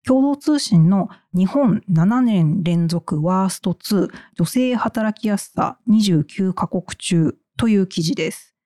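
A woman's voice: medium pitch, animated, slow pace, warm tone, dry recording. A woman hosting a podcast, introducing the show and reading out news summaries in a presenter's style. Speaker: podcast host.

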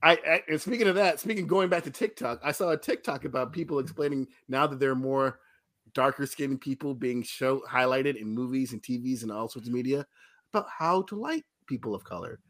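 A podcast host with a medium-pitched, fairly bright voice runs a casual comedy show at a brisk pace. He's playful and jokey, often poking fun at himself.

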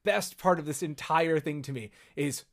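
A man in casual podcast chat, talking animatedly and acting out characters in quick high-pitched bits.

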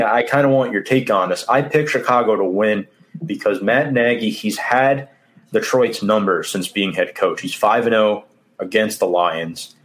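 Low-pitched New sports host. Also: male voice. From Queens, New York City. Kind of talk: live sports talk show hosting.

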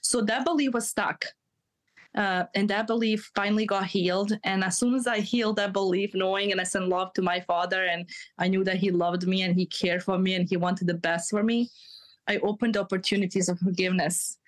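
Brisk and steady, with a mid-range voice, this mindset coach from Europe, in her thirties, recounts personal stories on a podcast interview. She confides earnestly, pokes fun at herself with laughter, and her English grammar slips now and then.

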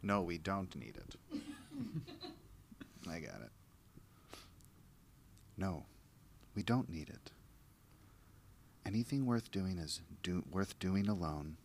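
A man's voice: sits low, expressive, slow, gravelly, long pauses, slight background noise. A man acting in a comedy show, switching between mock presenter lines and improvised banter, retrying his lines. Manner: repeats and retries lines. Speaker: actor in a comedy show, in outtakes.

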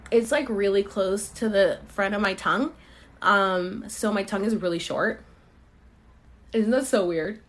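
A young Puerto Rican woman hosts a podcast as a live stream on her phone, loosely chatting through viewer comments with plenty of ums, likes and casual swearing. Her voice is mid-range and a little slow, and the talk is casual rambling.

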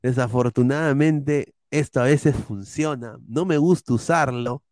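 A man hosting a casual sports podcast, joking and reading out chat messages in a halting way. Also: medium pitch, a little mellow, dry recording. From Peru. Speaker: podcast host.

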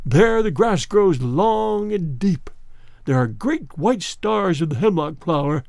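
A man's voice: high voice, lively intonation, takes it slowly, creaky, darkish tone, dry recording, clean studio sound, full character voice. A man voicing a lonely, weary old male ghost who speaks in a dreamy, faraway voice in a storybook reading.

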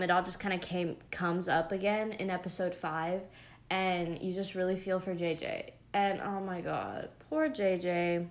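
A young woman chatting casually as she recaps a show, rambling with lots of fillers and gushing asides. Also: lowish voice. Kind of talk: casual chat.

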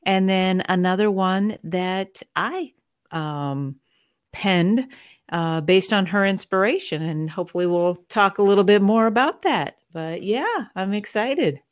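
Slow-speaking woman telling her family story. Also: mid-range voice, expressive. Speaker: guest author. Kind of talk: podcast interview.

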